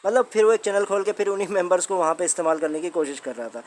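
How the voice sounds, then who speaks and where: A man with an Indian accent hosts a commentary channel about a company's updates, speaking in a high-pitched, racing, darkish-toned voice. His informal, conversational explainer style keeps repeating points and posing rhetorical questions to the listener.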